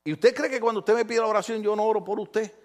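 A man preaching a sermon in church as pastor, animated, firing questions at the congregation and acting out the voices he quotes. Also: high-pitched, quick pace.

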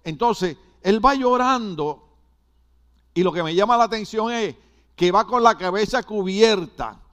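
High-voiced older pastor preaching. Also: male voice, expressive, a little slow, fairly bright tone. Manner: preaching with rhetorical questions and repetition. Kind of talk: sermon.

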